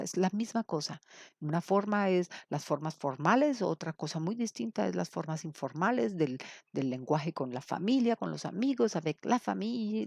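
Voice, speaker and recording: A woman teacher with a fairly low voice explains grammar in a patient, questioning way. She slows to stress each example phrase, and the recording is dry and close with no room sound. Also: no room sound. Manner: switches into slow, emphatic English for model phrases. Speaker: English teacher. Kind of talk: recorded classroom lesson.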